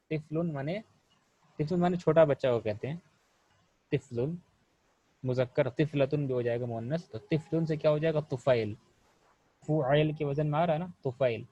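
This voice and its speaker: His voice sits a little high and sounds mellow, recorded with no echo and the highs cut off. Teaching Arabic grammar online, this Indian man repeats questions and answers them himself, patiently blends in English words, and keeps saying "theek hai".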